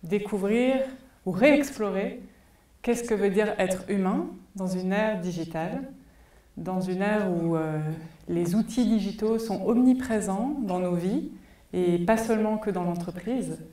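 A woman's voice: mid-range voice, a little slow, warm tone, far from the mic. Woman in her forties in an echoey hall. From France. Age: 40s. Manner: thoughtful, many hesitation fillers. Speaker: conference speaker. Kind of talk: live conference talk. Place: large cinema hall, indoors. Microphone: headset mic.

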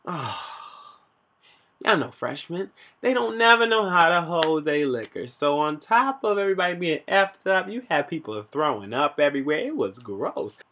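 A young man hosting a vlog, reviewing a college party in animated, slangy storytelling with shout-outs. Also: fairly high pitch, normal speed.

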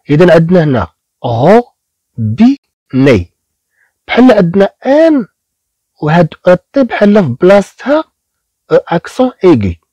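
A man teaching beginner French in Arabic, repeating each French word slowly, syllable by syllable. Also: fairly high pitch, dark tone, breathy edge, no echo, muffled recording.

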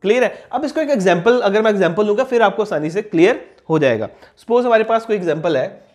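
A high-pitched young man teaches a chemistry class at the board. He asks questions and answers them himself, repeating each key term slowly so it sticks. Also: lively intonation, darkish tone. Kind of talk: classroom lecture explaining on a board.

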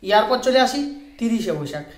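A man's voice: high voice, expressive, moderate pace, echoey room. A man reading a booking list aloud in a repetitive, patterned way and asking listeners to comment. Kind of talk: read-aloud list, informal narration.

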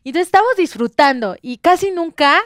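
A woman's voice: very high voice, fairly quick, no room sound, studio quality. A young woman, a guest telling a story and acting out what people said. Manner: animated storyteller, acts out quotes. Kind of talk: casual chat.

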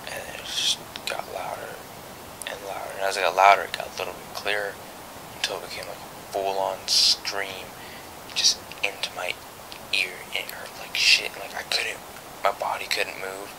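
A young man telling a rambling story to camera late at night in a hushed, half-whispered voice, swearing casually. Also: deep voice, monotone, moderate pace, gravelly, low-quality recording. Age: young adult. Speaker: vlogger. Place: small bedroom at night, indoors.

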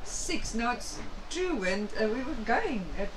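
A woman's voice: fairly high pitch, big pitch swings, slow pace, background noise. A woman chatting casually and teasingly on a sailing catamaran at sea, laughing often. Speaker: sailing vlogger. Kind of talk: casual chat.

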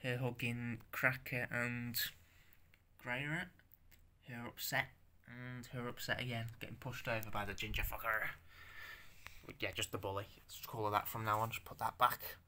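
A young man with a bright, forceful voice shows off his handmade figures in a loose show-and-tell. He stammers, restarts and swears as he goes, and he sounds unused to talking out loud. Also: mid-range voice, flat delivery, slight background noise. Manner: halting, stammering, swears, self-conscious. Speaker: stop-motion creator showing his figures.

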